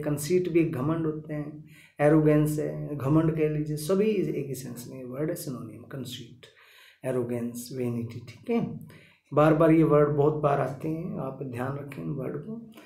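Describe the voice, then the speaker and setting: A man's voice: a little high, vocal fry, darkish tone, reverberant. A man teaching a vocabulary lesson, repeating each word several times and checking in with his listeners as he goes. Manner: repetitive, drilling each word with "ठीक है".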